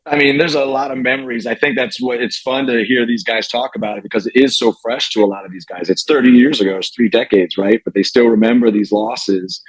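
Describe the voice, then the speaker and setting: A middle-aged man, a former wrestler, reminiscing casually in a measured way with fillers. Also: medium pitch, fairly even intonation, slightly rough, no room sound, low-quality recording. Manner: measured, uses fillers, says "right?". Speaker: podcast guest, documentary maker.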